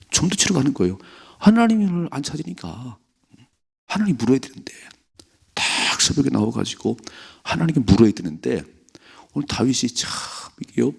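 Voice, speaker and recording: Korean male pastor, dawn sermon, low husky gravelly voice, earnest preaching style.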